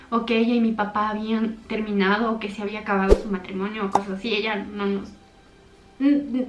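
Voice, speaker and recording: Young woman, fairly high voice, heartfelt personal storytime, echoey room. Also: lo-fi sound. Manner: earnest, heartfelt, intimate storytelling. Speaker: YouTuber.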